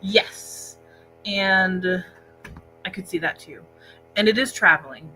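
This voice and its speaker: A woman with a medium-pitched, bright, forceful voice speaks slowly while co-hosting a casual book chat livestream. She talks conversationally into a laptop set-up in an indoor library room. The audio is poor, with faint music behind her.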